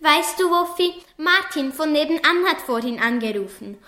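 A woman voicing a cheerful, excitable middle-aged man who owns a dog, beaming and overexcited, in a children's story. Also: sits high, moderate pace, pitched above the performer's own voice. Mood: gentle.

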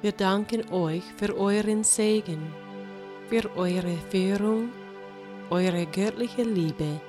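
Woman, American accent in German, slow guided-meditation delivery in solemn short phrases, clear music bed behind her. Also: mid-range voice, mellow. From United States. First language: English. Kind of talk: guided meditation, consecutive translation.

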